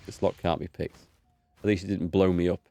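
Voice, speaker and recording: A low, creaky, warm-toned man keeps a level tone and a fairly quick pace while hosting an easygoing let's play. His voice is slightly blocked from a cold he hasn't fully shaken, and he reads game text and thinks out loud as he plays.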